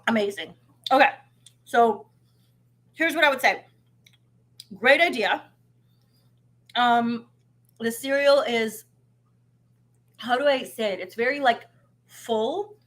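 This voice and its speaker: A woman's voice: on the high side, slow pace, long pauses, fairly bright tone. A woman from Canada hosting a live cooking stream, chatty and upbeat with lots of fillers and restarts. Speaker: host of a live cooking show. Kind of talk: casual live-stream chat.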